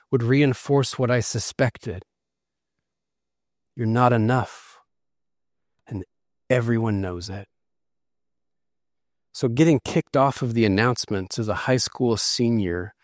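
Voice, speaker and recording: A man's voice: medium pitch, dry recording. Middle-aged male pastor, earnest storyteller, dry recording. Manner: earnest storytelling preacher, reads scripture aloud. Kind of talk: sermon.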